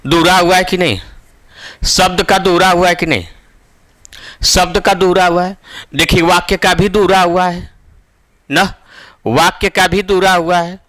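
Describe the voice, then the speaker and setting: A man teaching Hindi grammar as a classroom lecture, who repeats each phrase slowly for emphasis and asks the class questions. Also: high-pitched, fairly even intonation, a bit bright, dry recording.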